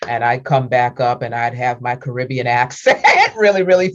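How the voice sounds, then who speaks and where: A middle-aged woman with a very deep voice hosts an interview over a video call at a moderate pace. She chats freely, laughs often and repeats her words, all through dull lo-fi call audio.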